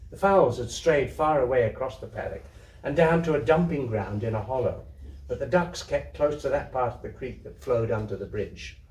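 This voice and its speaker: Here a male story reader from a theatre troupe performs literary narration for listeners at an indoor community venue. His mid-range voice is a little mellow and moves at a moderate pace, with a dramatic, descriptive delivery, recorded from a distance in a reverberant room.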